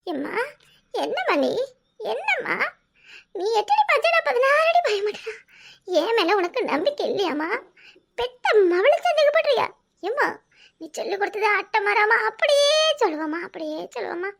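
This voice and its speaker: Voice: very high-pitched, sing-song, a little fast, creaky, a bit bright, heavily acted. A performer voicing a sly, wheedling adult village daughter in a cartoon, with a Kanyakumari Tamil accent and a mock-innocent way of asking. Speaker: cartoon character. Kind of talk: comic cartoon voice acting.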